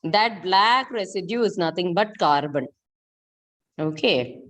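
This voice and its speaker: A woman's voice: lowish voice, lively intonation, takes it slowly, a bit bright. Woman, middle-aged, Indian accent, chemistry teacher, interactive lesson, questioning manner, repeats key points. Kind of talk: interactive online school lesson.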